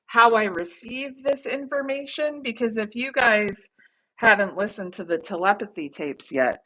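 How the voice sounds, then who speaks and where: A woman's voice: medium pitch, bright, forceful tone, rough recording. A woman in her forties chatting casually on a livestream, rambling, laughing and answering viewer comments. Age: 40s. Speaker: livestreaming artist.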